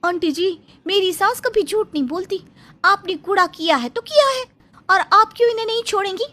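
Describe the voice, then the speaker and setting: A woman's voice: moderate pace, pushed and bright. A woman voicing a young daughter-in-law in a cartoon who eagerly agrees with her mother-in-law. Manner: high, eager, fawning.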